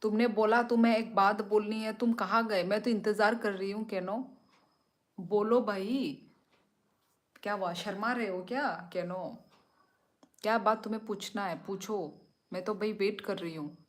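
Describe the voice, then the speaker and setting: A young woman hosting a live stream, chatting casually and teasingly with viewers as she reads their comments, laughing often. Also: mid-range voice. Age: young adult.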